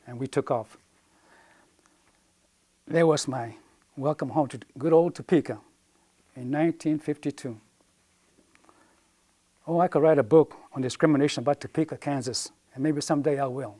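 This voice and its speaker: Older man, higher voice, dry sound. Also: warm tone, no room sound. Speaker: veteran interviewee. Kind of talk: oral history recollection.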